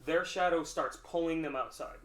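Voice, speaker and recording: A man's voice: a little high, normal speed, fairly bright tone. Hesitant male tabletop player. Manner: hesitant, lots of likes and ums. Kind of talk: tabletop game play. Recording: roomy with faint noise.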